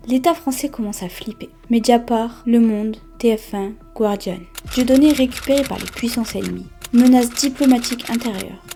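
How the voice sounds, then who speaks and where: Dramatic woman narrator, dark and low-toned. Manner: punchy, dramatic short phrases. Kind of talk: scripted documentary narration. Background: soft background music.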